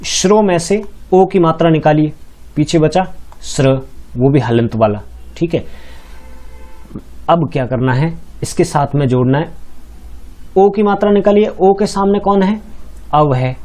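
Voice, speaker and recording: A man's voice: on the high side, unhurried, pauses often, dark tone. A man teaching grammar for an exam-prep lesson, explaining step by step and quizzing his students with questions.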